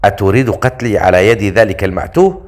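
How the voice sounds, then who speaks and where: A man's voice: fairly low pitch, expressive, fast, close to an everyday voice. Man doing a sly grumbling male inventor. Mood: panicked. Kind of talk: audiobook character voice.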